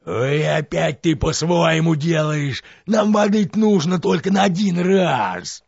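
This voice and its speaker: A man voicing a boastful, clumsy male serpent-dragon in a folk tale, with a raspy, gravelly voice and a slow drawl. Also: fairly high pitch, expressive, a little mellow, dry recording, highs cut off, voice pushed up, exaggerated voice. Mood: grumbling.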